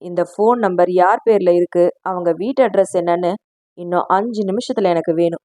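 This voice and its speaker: A woman voicing a domineering eldest brother who shouts threats in a storybook reading. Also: lowish voice, moderate pace, dry recording, clean studio sound, pitched below the performer's own voice, natural voice. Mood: furious.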